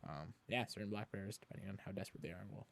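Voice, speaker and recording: A man's voice: deep voice, fast talker, creaky. A man talking casually as a podcast guest, rambling with lots of "like" fillers. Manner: rambling, many "like" fillers, frequent laughs. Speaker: guest, kayak explorer.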